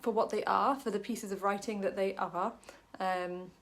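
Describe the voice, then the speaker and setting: Steady in tone and moderate in pace, a medium-pitched woman from Wales leads a casual Bible study to camera. She's chatty, says um often, and pokes fun at herself.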